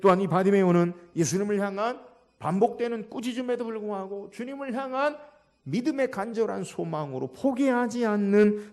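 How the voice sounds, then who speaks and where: A man's voice: high-pitched, darkish tone. A middle-aged man, a pastor, delivering a sermon with emphatic, rising exhortations.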